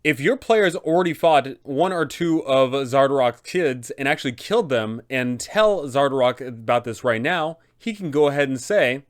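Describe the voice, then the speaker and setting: Speaking from a small furnished room, a man in his twenties narrates a game master's guide to tabletop roleplaying, emphatic and explanatory. His mid-range voice is animated, moderately paced, and nearly pause-free.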